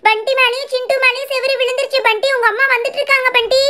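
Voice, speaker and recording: A woman voicing an excitable young girl who scolds and raises the alarm in a doll video. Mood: panicked. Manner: fast, shrill, excitable.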